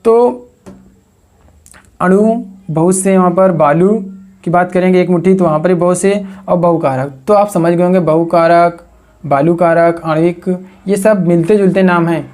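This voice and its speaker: A man's voice: high voice, steady tone, moderate pace, darkish tone. A man teaching an exam coaching lecture, asking the class questions and answering them himself while building memory tricks from words.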